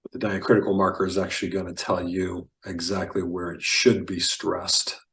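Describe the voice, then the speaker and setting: A man teaching Biblical Hebrew reading, slow and careful, enunciating each word. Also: sits low, flat delivery, fairly bright tone, roomy sound, far from the mic, poor audio.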